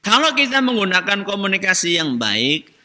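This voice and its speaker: A man's voice: sits high, big pitch swings, moderate pace, sharp tone. A man giving a religious study lecture as a preacher, asking his audience questions and answering them himself. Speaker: Islamic preacher. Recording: long hall reverb.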